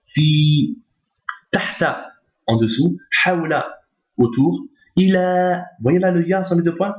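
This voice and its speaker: A man's voice: on the high side, fairly even intonation, takes it slowly. A man teaching how to read Arabic in a recorded lesson, patiently repeating each point and checking that his listeners follow. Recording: echoey, dull lo-fi recording.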